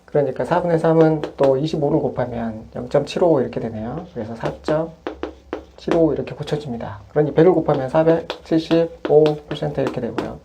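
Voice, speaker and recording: A woman's voice: sits low, fairly quick, dark tone, a little hiss or hum. A woman math tutor patiently walking through worked exercises step by step. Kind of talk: worked-example lesson.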